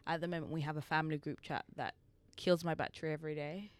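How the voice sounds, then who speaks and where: A woman's voice: low voice, fairly even intonation, quick pace. A young woman with an English accent, co-hosting a casual chat podcast and telling stories with quoted asides. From England. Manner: chatty storyteller, slips into quoted voices. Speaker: podcast co-host.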